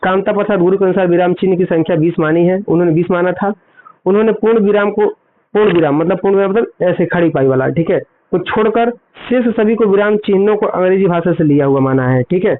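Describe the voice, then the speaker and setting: A man teaching an exam-prep grammar lesson, explaining step by step and asking questions he then answers himself. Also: high voice. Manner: explanatory, repeats points and asks then answers quiz questions. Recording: tinny phone-like audio.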